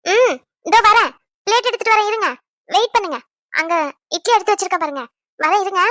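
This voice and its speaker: A woman's voice: sits high, animated, fairly quick, no echo, studio quality. A young woman playing a caring pregnant wife in an audio drama, chatty, fussing and tender. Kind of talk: Tamil audio drama acting.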